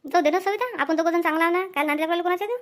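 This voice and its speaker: A woman's voice: extremely high pitch, very fast. A woman voicing a meek young husband who pleads and tries to placate his wife in a cartoon comedy. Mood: placating.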